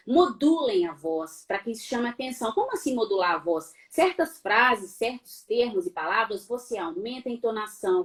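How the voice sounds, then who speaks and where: A middle-aged Brazilian woman who speaks with a Brazilian Portuguese accent and teaches law, coaching her audience in a live online talk. She sits a little high in pitch and keeps things animated. She asks herself rhetorical questions and playfully mimics sounds. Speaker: law professor.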